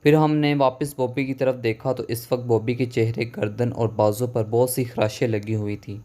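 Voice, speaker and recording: A man reading a horror story aloud as a storyteller, in a steady, even narration. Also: mid-range voice.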